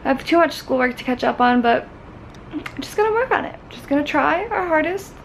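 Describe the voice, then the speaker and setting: A woman's voice: sits high, expressive, brisk, a little hiss or hum, low-quality recording. A young woman rambling through a casual vlog unboxing, chatty and full of "like". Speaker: beauty vlogger.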